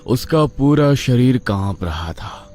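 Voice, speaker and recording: A man's voice: medium pitch, lively intonation, takes it slowly, warm tone, faint music behind. A man narrating a horror story in a suspenseful, dramatic storytelling style.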